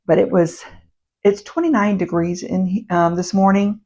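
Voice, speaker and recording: A woman chatting casually to her camera as a vlog host, her voice still a little rough in the morning, meandering with fillers and self-corrections. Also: mid-range voice, fairly even intonation, measured pace, warm tone. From United States. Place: home, indoors. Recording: dull, muffled sound.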